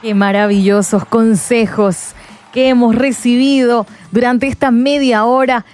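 A woman's voice: a little high, steady tone, measured pace, a little mellow, soft background music. Effusive woman radio host. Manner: effusive, praising. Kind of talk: closing a radio segment.

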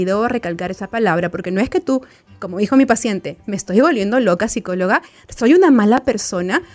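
Higher-voiced woman psychologist asking questions. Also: a little mellow. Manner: asks many rhetorical questions; plays out listeners' objections.

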